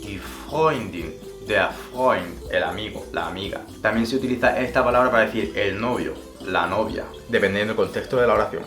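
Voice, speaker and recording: A German teacher whose first language is Spanish gives a pronunciation lesson, demonstrating words slowly and carefully. His voice is lowish with a bit of brightness. The recording has a roomy echo and faint music behind it.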